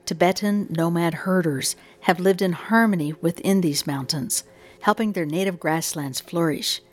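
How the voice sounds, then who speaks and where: A woman's voice: lowish voice, moderate pace. An American woman hosting a radio science show, reading scripted narration and asking questions in a curious way.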